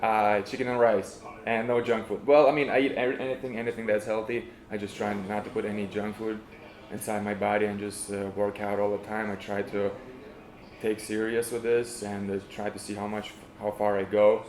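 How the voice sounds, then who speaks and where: Young man, lowish monotone, modest easygoing fighter, hesitant casual answers, echoey room. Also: brisk. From Lithuania. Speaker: MMA fighter being interviewed.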